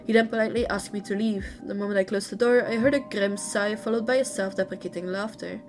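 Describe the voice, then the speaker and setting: An earnest, devoted young female assistant, read aloud by a woman. She recounts things eagerly and sincerely at a middle pitch. Faint music plays under her. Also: steady tone, fast talker, lightly acted.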